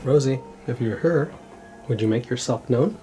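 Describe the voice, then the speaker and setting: A man's voice: mid-range voice, moderate pace, music in the background. A man hosting a casual night ghost-hunting vlog, talking jokingly to a supposed ghost. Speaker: vlog host.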